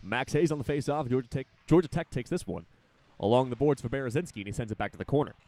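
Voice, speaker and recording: A young man calls a college hockey game play by play in a quick, running patter. His voice climbs when a shot goes toward the net. He names each pass as it happens. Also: medium pitch. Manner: rapid, rising excitement on big plays. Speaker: play-by-play announcer. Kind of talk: live hockey play-by-play commentary.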